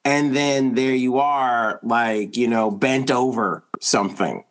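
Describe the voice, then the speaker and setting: A man's voice: medium pitch, takes it slowly. Emphatic man holding forth in casual conversation. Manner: emphatic, acts out imagined quotes.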